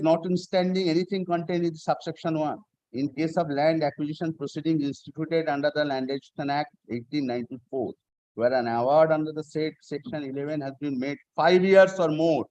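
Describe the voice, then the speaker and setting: A man's voice: on the high side, fairly even intonation, fairly quick, a little mellow, no room sound, rough recording. A man does a formal legal reading. He sounds like a lawyer addressing a judge, deferential and methodical as he reads out statute. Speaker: lawyer arguing in court. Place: courtroom live stream.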